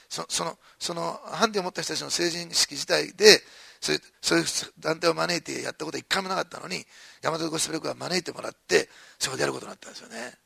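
A man's voice: on the high side, creaky, pushed and bright, husky, no echo. A man preaching a sermon in a conversational storytelling way, with chuckling asides. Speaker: pastor.

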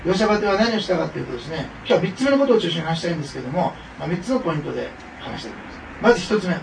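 This pastor's voice is fairly high and gravelly, and he races along in a very animated way. He talks to his congregation casually, sprinkling in fillers and side remarks. A distant mic in the echoing church hall picks up slight background noise.

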